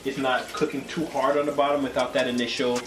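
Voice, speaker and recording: A fast-talking man with a mid-range, fairly flat voice hosts a cooking video in his home kitchen, tipsy and rambling as he chats to camera and loses his thread. The recording is noisy, with roomy echo, a distant mic, and music behind him.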